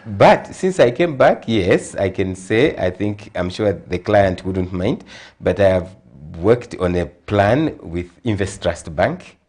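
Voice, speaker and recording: A man's voice: deep voice, takes it slowly, slightly rough. A middle-aged man with a Zambian accent, a guest in a TV interview, speaking earnestly and growing emphatic. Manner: earnest, grows emphatic and animated. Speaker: guest consultant.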